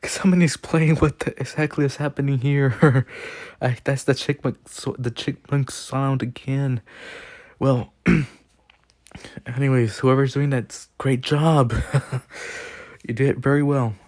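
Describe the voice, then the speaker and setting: A man's voice: mid-range voice, fairly even intonation, measured pace, a little mellow, no echo, studio quality. A man hosting a reaction video, chatting casually and laughing often between comments. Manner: chuckles often, loose and joking. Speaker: host of a railfan video reaction channel.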